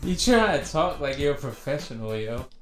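A man's voice: mid-range voice, very animated, moderate pace, music in the background. A man co-hosting a casual cooking vlog, teasing his partner with slangy jokes. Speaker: cooking vlog co-host, taste judge.

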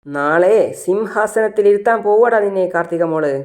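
A man's voice: high-pitched, moderate pace, close to an everyday voice. A narrator voicing a proud, jovial father who boasts about his son.

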